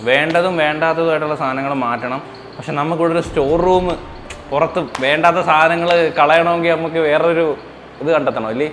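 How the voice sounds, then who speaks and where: A man's voice: fairly high pitch, steady tone, a little fast, fairly bright tone, a little hiss or hum. A man, chatting to viewers in a casual home vlog. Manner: chatty, addresses viewers as guys. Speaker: family vlogger.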